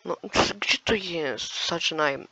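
A man's voice: on the high side, unhurried, bright, forceful tone. A man hosting his gaming channel, reading quiz questions aloud and musing over the answers in casual commentary.

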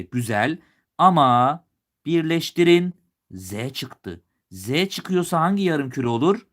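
A man's voice: on the high side, fairly bright tone. A male teacher from Turkey giving a live exam review lesson, with a slight regional lilt he puts on at times. He talks students through each question, asking and answering himself as he goes. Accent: Turkish, with a regional lilt he puts on at times.

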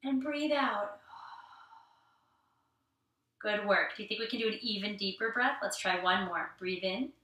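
A young woman leading a children's yoga breathing lesson in a gentle, encouraging, sing-song way. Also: mid-range voice, measured pace, long pauses. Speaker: kids yoga teacher. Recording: echoey room, mic at a distance.

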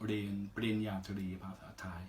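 A male singer, a foreigner with a Western accent, answers interview questions casually in careful, halting Thai. He speaks in short phrases with polite particles, his tone darkish, with a little hiss or hum on the recording.

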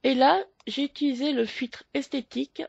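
A woman hosting a photo editing tutorial, explaining each step slowly with hesitant fillers. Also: high-pitched, vocal fry, no room sound, muffled recording. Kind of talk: screen-recorded software tutorial.

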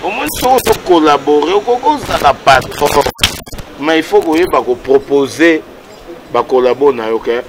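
Animated Congolese man, lively pitch swings. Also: moderate pace, noisy background. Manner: animated, gestures with hands, mixes Lingala and French. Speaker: interviewee. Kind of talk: casual interview. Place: outdoors by a wall.

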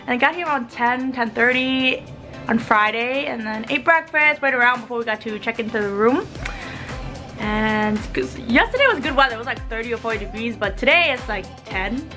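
A woman's voice: a little high, expressive, normal speed. A young woman from Minnesota chatting casually to a handheld camera at a convention, upbeat and rambling. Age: young adult. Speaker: vlogger. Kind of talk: casual vlog chat to camera. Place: busy convention center halls. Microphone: handheld camera at arm's length. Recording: loud crowd and music behind. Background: crowd chatter and music.

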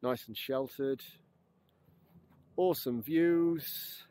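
On a mountain trail, a hiking vlogger in his thirties chats casually to an action camera held at arm's length, upbeat and easygoing. His mid-range voice moves very slowly, and clear outdoor noise sits behind him.

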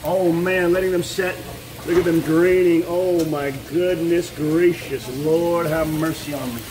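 A man's voice: a little high, flat delivery, unhurried, noisy background. A man hosting an outdoor cooking vlog, narrating with exuberant whoops and exclamations. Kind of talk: excited outdoor cooking commentary. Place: outdoors by a frying pot.

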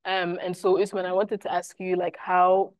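A young woman moderates a university panel discussion in a classroom, speaking reflectively with a Scottish accent, though German is her first language. Her voice is lowish and level, her pace moderate, and the recording is dry.

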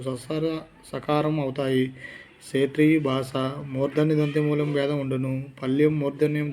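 A man's voice: medium pitch, darkish tone, slight background noise. A man reading Telugu dialect study notes aloud for exam preparation, listing word forms one at a time and correcting himself as he goes. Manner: reads lists of word forms one by one with restarts. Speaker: exam prep teacher.

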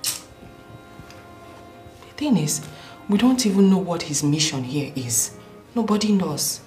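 Anxious wife, low voice, echoey room, music behind. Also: female voice, lively intonation, unhurried, mellow. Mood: worried. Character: worried wife visiting her jailed husband.

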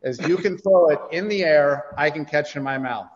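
Man, relaxed, offhand, fairly high voice, reverberant dull call audio. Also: a little fast. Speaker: global head of production. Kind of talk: casual video-call chat.

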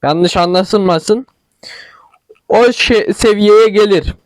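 High-voiced young man with regional Turkish dialect. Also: slow pace, no echo. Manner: chatty, thinking aloud, stumbles over words. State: tickly throat, clearing it. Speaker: gaming channel host. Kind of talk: casual game commentary.

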